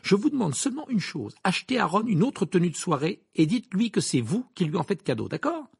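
A determined teenage boy wizard, read by a man, pitched higher than the narration and pressing his point firmly. The voice is a little gravelly and husky, with a lively rise and fall, recorded dry and close. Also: brisk, no room sound, exaggerated voice. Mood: stern. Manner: firm, insistent.

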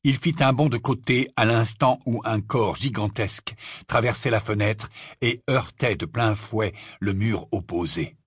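Male audiobook narrator, husky, mid-pitched, steady storytelling, dry booth sound. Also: a little slow, dry recording. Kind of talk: scripted narration.

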